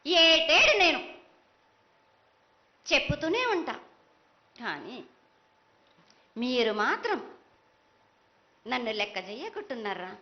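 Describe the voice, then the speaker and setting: Woman oracle, Telangana accent, high voice, chanting and reproachful, ritual prophecy, dull lo-fi live recording. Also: very animated, takes it slowly, long pauses. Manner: chanting, insistent, reproachful declarations. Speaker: temple oracle. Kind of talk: ritual prophecy speaking as a mother goddess. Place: temple ritual. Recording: dull lo-fi live event sound.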